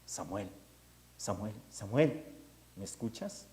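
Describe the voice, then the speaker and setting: A man voicing the voice of God calling a sleeping boy by name, in a hushed, calling manner. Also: lowish voice, lively intonation, slow pace, voice pushed down. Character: divine voice calling in the night.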